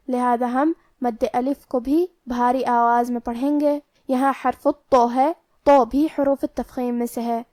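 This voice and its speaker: A woman's voice: sits high, darkish tone, no room sound. A woman teaching Quran recitation rules, explaining each letter and its rule methodically, step by step. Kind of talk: tajweed lesson.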